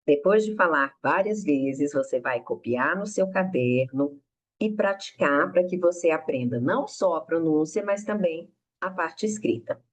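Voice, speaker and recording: A woman from Brazil teaching an English lesson, clearly modeling words for learners to repeat. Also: sits low, expressive, a little slow, rough recording. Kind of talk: recorded online lesson narration.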